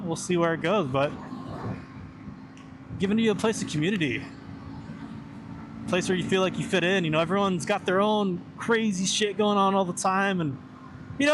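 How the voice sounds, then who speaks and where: A young man chatting casually and informally inside a helmet while riding a motorcycle, meandering from thought to thought and swearing mildly. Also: high voice. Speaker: motorcycle vlogger. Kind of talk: casual rambling motovlog chat. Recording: steady engine and road noise.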